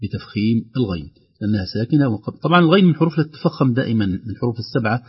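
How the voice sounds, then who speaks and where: A man teaching Quran recitation on a radio lesson, explaining calmly and slowly chanting verse examples. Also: medium pitch, husky, lo-fi sound.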